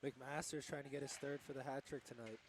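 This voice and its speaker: A young man doing color commentary on a student hockey broadcast, reacting quickly and excitedly to plays. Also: mid-range voice, creaky, noisy background.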